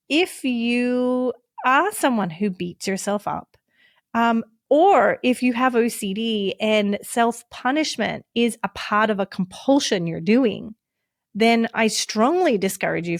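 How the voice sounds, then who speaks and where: A woman therapist and author, a guest on a podcast, explaining self-help steps in a gentle, reassuring and instructive way. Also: fairly high pitch, gravelly, dry recording, studio quality.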